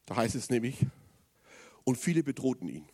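A man preaching a sermon, speaking straight to the congregation with questions and moving between loud emphatic passages and low, quiet stretches. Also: very animated, normal speed, husky. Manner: addresses the congregation directly with questions.

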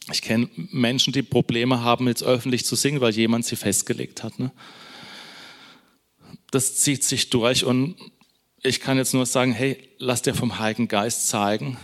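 A man preaching a sermon in a conversational, encouraging way, addressing the listeners directly and tagging many sentences with a quick question. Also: medium pitch.

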